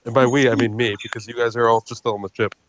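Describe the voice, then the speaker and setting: A man's voice: mid-range voice, steady tone, very fast, fairly bright tone, poor audio. A man playing a tabletop game, chatting casually with the group. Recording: faint background noise with clicks.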